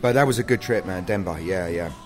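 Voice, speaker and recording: A man's voice: low voice, fast, a loud crowd. A middle-aged man with a South London accent, chatting casually and modestly as an interview guest in a laid-back, slangy way. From South London, England. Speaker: guest graffiti artist.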